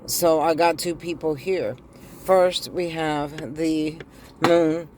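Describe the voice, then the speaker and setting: Still hoarse after the flu, a middle-aged woman does an informal tarot reading for her audience, hesitating with ums as she films herself on a phone inside a car. Her voice is deep and fairly even, her pace slow, and the background noisy.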